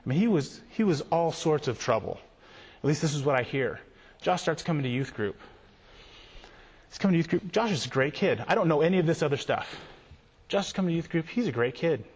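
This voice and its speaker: A man speaking as a youth pastor, telling stories in an animated way and often repeating himself. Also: on the high side, a little fast, slightly rough. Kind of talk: storytelling conference talk. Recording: long hall reverb.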